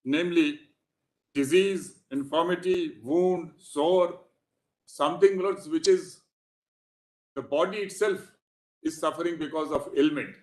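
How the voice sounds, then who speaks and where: A man's voice: on the high side, measured pace, pauses often, darkish tone. A man with an Indian English accent argues as an advocate before the court, formal and deferential, saying "my lord" again and again. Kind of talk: courtroom legal argument. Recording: echoey courtroom audio.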